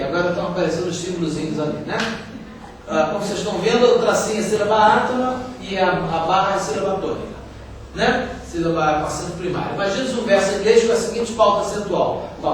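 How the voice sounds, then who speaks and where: A middle-aged man with a Brazilian Portuguese accent giving a university lecture, explaining patiently and often tagging his points with little questions. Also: high-pitched. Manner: explanatory, frequent tag questions. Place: lecture hall. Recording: very echoey hall, distant mic, faint hiss.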